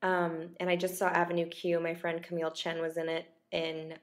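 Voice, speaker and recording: On a livestream, a young actress who is losing her voice chats casually with fans and reads out their questions in a self-deprecating way. Her voice is fairly low and monotone at a normal speed, picked up by a laptop webcam at close range.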